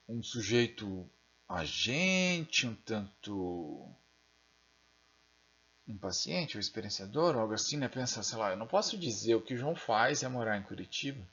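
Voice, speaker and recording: Man, Brazilian accent, very low husky voice, online lecture, slightly dull lo-fi recording. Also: fairly bright tone. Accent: Brazilian Portuguese. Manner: thinking aloud, frequent "né?" tag questions; self-deprecating asides while using the mouse. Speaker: linguistics lecturer.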